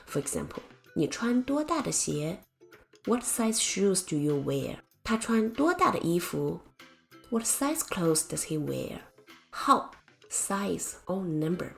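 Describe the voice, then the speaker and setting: A woman teacher giving a scripted language lesson, speaking slowly and carefully and explaining with example sentences. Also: on the low side, big pitch swings, creaky. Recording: faint music behind the voice.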